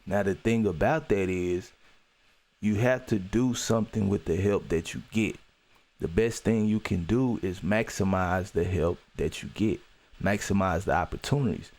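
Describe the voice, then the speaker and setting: Low-voiced man, earnest podcast storytelling. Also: moderate pace, darkish tone. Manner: earnest, repeats key phrases for emphasis; loose, with many "you know" fillers and restarts. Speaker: podcast host. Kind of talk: reflective personal storytelling.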